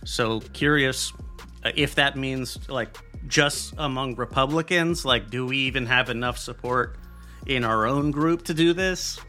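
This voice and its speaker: A man's voice: medium pitch, measured pace, pushed and bright, faint music behind. Blunt, cursing American man. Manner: blunt, profane, rambling with fillers. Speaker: podcast host. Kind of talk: casual solo news commentary.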